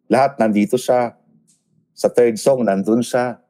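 A man on a casual chat show, telling animated backstage stories and switching between Tagalog and English. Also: medium pitch, measured pace.

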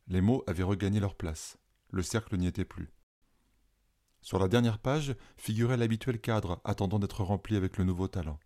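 Male storybook narrator, calm and steady, low pitch, mellow tone. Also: moderate pace.

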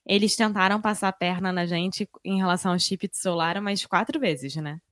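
A woman's voice: fairly low pitch, steady tone, brisk, a bit bright, dry recording, studio quality. A Brazilian woman co-hosting a podcast in casual conversation, speaking expressively and emphatically. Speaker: podcast co-host.

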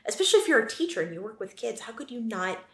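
A woman's voice: on the high side, very animated, very fast. A woman co-hosting a casual book podcast, talking emphatically. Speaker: podcast co-host. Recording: roomy echo.

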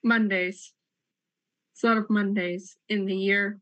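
An odd, blunt woman, as a man puts her on in a tabletop game, her voice pitched well above his own. She drops her quirky remarks slowly and flatly. The sound is dry and slightly dull. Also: dry recording. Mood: deadpan quirky.

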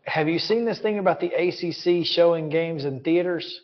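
A man's voice: a little high, moderate pace. A man hosting a casual sports talk show, easygoing and chuckling, often repeating words as he goes. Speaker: sports radio host. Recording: dull lo-fi sound.

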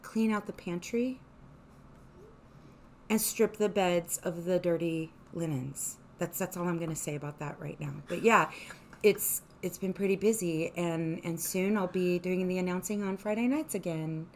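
A woman's voice: fairly low pitch, moderate pace, slight background noise. A woman co-hosting a podcast in casual chat, chatty and full of "like", swearing freely. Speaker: podcast co-host.

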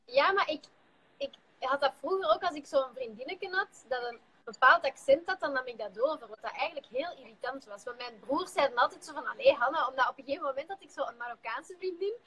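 A woman's voice: high voice, expressive, a little fast, pushed and bright, low-quality recording. A young woman with a Flemish accent chatting on a live stream, giggly and talkative. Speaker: pop group member hosting a live stream. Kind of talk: casual chat. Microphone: phone on a live stream.

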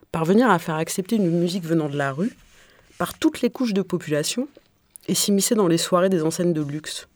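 A man reading an opinion column on the radio in a measured, rhetorical way, with a few restarts mid-sentence. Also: on the high side, darkish tone, no room sound. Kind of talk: read-aloud opinion column.

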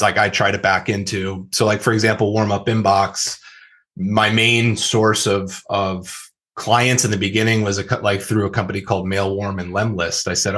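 A man's voice: fairly low pitch, fairly bright tone. A man talking casually as a podcast guest, rambling with many fillers and restarts. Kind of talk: casual interview talk.

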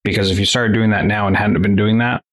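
A man hosting an interview podcast, asking thoughtful, measured questions and sharing about his own family. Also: lowish voice, steady tone, fairly bright tone. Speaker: podcast host. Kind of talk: conversational interview.

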